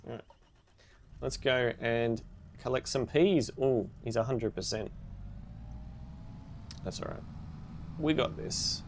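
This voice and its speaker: A man's voice: mid-range voice, slow, long pauses, a little hiss or hum. A man streaming a game live, chatting casually with viewers and reacting with upbeat exclamations.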